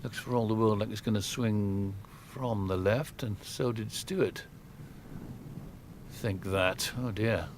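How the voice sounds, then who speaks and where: A man's voice: on the low side, takes it slowly, a little hiss or hum. A man giving live golf commentary in short, descriptive phrases.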